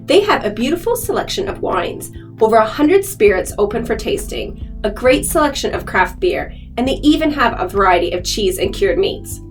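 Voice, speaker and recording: A woman reads a sponsor spot in an upbeat, promotional way. Her voice sits a little high with a lively, bouncing pitch, and faint guitar music plays underneath. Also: normal speed. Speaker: podcast co-host reading a sponsor spot. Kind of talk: upbeat ad read.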